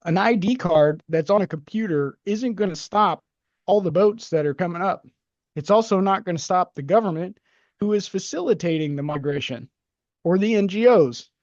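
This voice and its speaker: A man's voice: sits high, expressive, normal speed, a little mellow, dry recording, dull audio. A man co-hosting a podcast, rambling and hesitant with lots of fillers as he gives his opinion. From United States. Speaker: podcast co-host. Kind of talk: casual opinionated chat.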